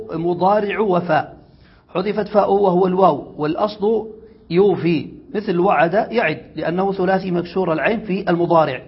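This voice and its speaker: A man leads a grammar lesson in a classroom, reading a passage and then working through it with his students. His voice sits high and sounds husky. The recording is dull and lo-fi. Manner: reads a passage, then explains it slowly with questions to students. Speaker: Arabic grammar teacher. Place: classroom or study circle.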